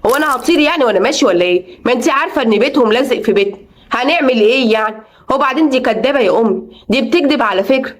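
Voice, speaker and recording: A woman's voice: a little high, lively intonation, very fast, natural voice. A woman voicing an upright young man who protests indignantly, in Egyptian Arabic.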